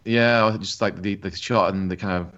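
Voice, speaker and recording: A man on a casual football podcast, venting like an animated fan and using lots of fillers. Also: deep voice, moderate pace. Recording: dull lo-fi recording.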